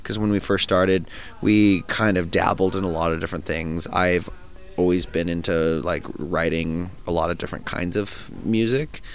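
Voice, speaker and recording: The lead singer and guitarist of a punk band, a young man with a low, steady voice, answers interview questions at a moderate pace. His replies ramble casually, full of fillers and restarts.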